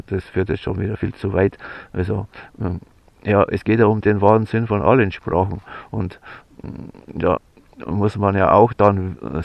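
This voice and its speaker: A man's voice: fairly low pitch, creaky, dry recording. A man speaking in an unscripted, rambling spiritual monologue, full of fillers, restarts and a frequent "ja.". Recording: dull lo-fi sound.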